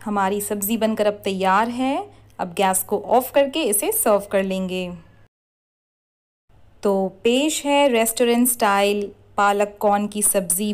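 A woman talks through a recipe in a scripted voice-over. She lays out each step clearly and evenly, pitched in the middle for a woman. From India. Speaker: cooking channel host.

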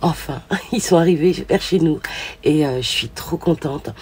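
An older woman with a hoarse voice, chatting through a craft haul and gushing over each find with many fillers. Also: sits low, normal speed, background noise. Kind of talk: casual show-and-tell haul.

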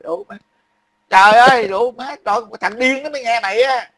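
A man's voice: very high-pitched, moderate pace, fairly bright tone. A man, ranting angrily and profanely about politics on a livestream, repeating himself and grumbling that he is worn out. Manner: angry, profane, repetitive ranting. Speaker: livestream commentator. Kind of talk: heated political rant.

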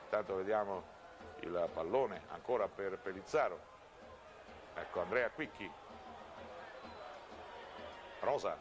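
Low-voiced man commentating over noise. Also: moderate pace. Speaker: football commentator. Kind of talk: live TV football match commentary. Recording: noisy old TV broadcast audio. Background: outdoor stadium ambience.

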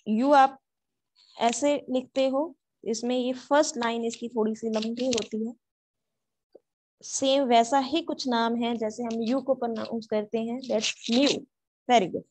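Woman teacher, high voice, unhurried online class lecture. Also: a little mellow, slight background noise. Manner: slow, explanatory, mixing Hindi and English. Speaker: maths teacher.

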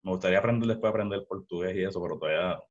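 Low-pitched and racing, a young podcast host from Puerto Rico runs a casual interview over video call. He rambles and keeps restarting, his Puerto Rican Spanish accent coming through a headset with studio mic in a small home room. The sound is dull and lo-fi.

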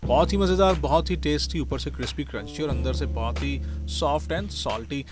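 A man's voice: on the high side, moderate pace. A man, a chef hosting his own cooking show, talks viewers through a recipe step by step in a friendly voice-over. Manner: friendly, step-by-step, keeps saying "perfect". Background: guitar music.

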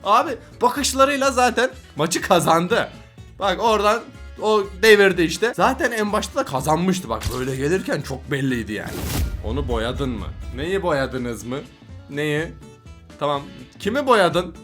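Animated young Turkish man reacting, laughing. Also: on the high side, moderate pace, faint music behind. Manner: playful, laughs often, teasing the kids on screen. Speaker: YouTuber reacting to funny kid videos. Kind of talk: casual reaction commentary.

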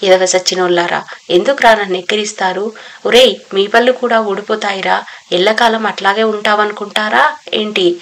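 Woman doing a shrill, scolding old village woman. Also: fairly even intonation, moderate pace, a bit bright, close to an everyday voice, rough recording.

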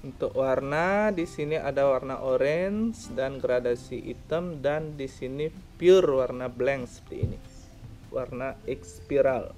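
A young man talks slowly and plainly through a fishing rod review, counting off parts as he shows them. He sits outdoors by a road with the camera close in front. Soft music plays faintly underneath. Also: medium pitch. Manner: plain explaining, counts and points things out. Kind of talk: casual product review. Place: outdoors by a roadside with plants.

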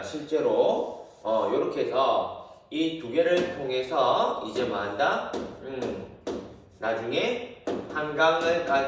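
A man teaches a history lesson to his students in a bouncy, animated voice that sits a bit high. He keeps firing questions at them and answering them himself. The sound is very roomy, and he is some way off the mic. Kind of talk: lecture to students. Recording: very echoey room, mic far off.

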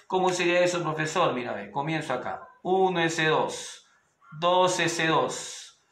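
A Peruvian man with a slightly high, somewhat bright voice teaches chemistry at a whiteboard in a small room, speaking straight to his students and often voicing their questions himself. When dictating orbitals, he slows into a sing-song. The room is echoey.

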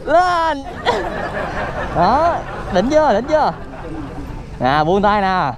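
A man's voice: high-pitched, big pitch swings, slow, crowd noise. A young man with a Southern Vietnamese accent cheering and joking as he films himself riding outdoors for his vlog. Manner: playful, cheering, laughs often. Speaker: vlogger. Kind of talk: excited casual vlog commentary. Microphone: handheld phone camera. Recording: noisy outdoor phone recording.

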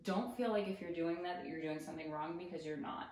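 A woman yoga instructor giving casual, explanatory commentary with gentle cautions. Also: lowish voice, fast talker, reverberant, poor audio. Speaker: yoga instructor reacting to videos.

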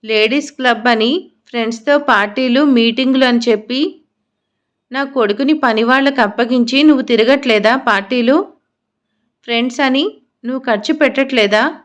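A woman's voice: a little high, moderate pace, natural voice. A woman voicing a defiant, scornful young wife. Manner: sharp, scornful.

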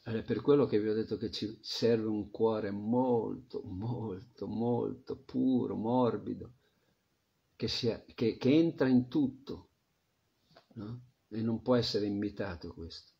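Man teaching scripture, slow unhurried delivery, reflective, soft trailing phrase ends, dull lo-fi sound. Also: fairly low pitch, gravelly. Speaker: spiritual teacher. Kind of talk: devotional scripture class. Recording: dull lo-fi recording.

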